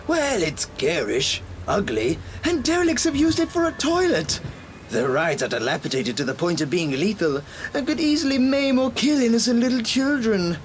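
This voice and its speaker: Radio drama villain: flamboyant mad clown, high voice, huge melodic swings, drawn-out theatrical menace. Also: male voice, very animated, slight background noise. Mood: gleeful disdain. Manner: theatrical, drawn-out, wildly swooping delivery.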